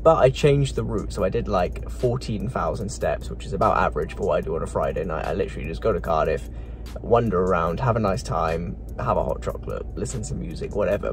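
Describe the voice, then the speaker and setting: A man vlogging casually at night, chatting quickly and rambling a bit while recording himself on his phone. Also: on the low side. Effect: phone video recording. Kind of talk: casual vlog to camera.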